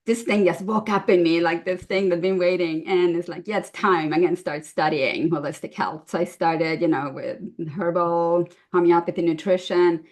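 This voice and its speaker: With a fairly low, steady voice and barely any pauses, a woman from Sweden in her fifties recounts her story at a moderate pace. She's a guest nutritionist on a podcast, casual and chatty, laughing a lot and using many fillers.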